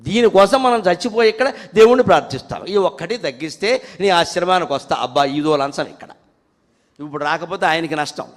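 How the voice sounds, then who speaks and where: A man with a Telugu accent delivers a devotional discourse in a high voice. Between his plain explanations he slows down to chant verses with fervour. The sound carries a long hall reverb. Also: expressive. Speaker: spiritual speaker.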